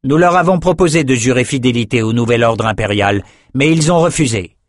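A man's voice: medium pitch, animated, brisk, dry recording, voice pushed up, close to an everyday voice. A smug, arrogant messenger with a sly, haughty way of speaking, as a man puts him on. His voice sits a little above a man's usual register. The sound is close and dry.

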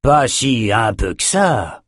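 A man's voice: medium pitch, animated, moderate pace, no room sound, studio quality, pitched above the performer's own voice, natural voice. A man reading a story plays a cheerful, bantering lone fisherman. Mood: jovial. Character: cheerful lone male fisherman, bare-chested.

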